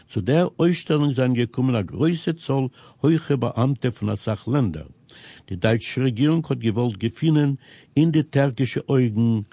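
A man presenting a scripted radio news program, reading items in a steady, measured way. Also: mid-range voice, no room sound. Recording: dull, lo-fi radio recording.

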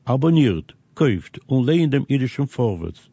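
A man presenting a scripted radio news program, reading items in a steady, measured way. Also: mid-range voice, slightly rough, no room sound. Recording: dull, lo-fi radio recording.

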